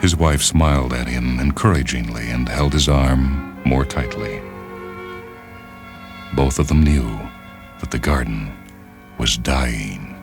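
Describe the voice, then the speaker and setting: Reading a short story aloud, the narrator has a remarkably deep, bass voice. He delivers it in a serious, deliberate and dramatic way, while orchestral music plays distinctly in the background.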